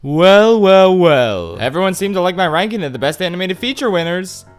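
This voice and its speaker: Man, comedic movie review narration, sarcastic, exasperated asides, very lively pitch, faint background music. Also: quick pace. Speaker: video essay host.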